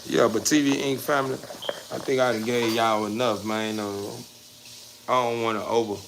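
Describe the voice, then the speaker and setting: Hosting a dog breeder channel's casual livestream, this American man talks at a normal speed in a mid-range, creaky voice with little pitch movement. He rambles folksily, encourages viewers, and leans on repeated catchphrases over a noisy background.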